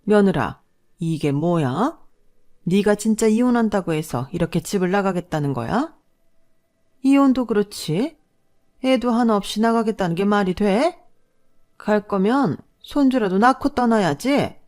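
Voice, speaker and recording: A woman voicing a furious older mother-in-law who scolds and shouts at her daughter-in-law. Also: medium pitch, animated, a little slow, pitched above the performer's own voice, natural voice. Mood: shrill scolding.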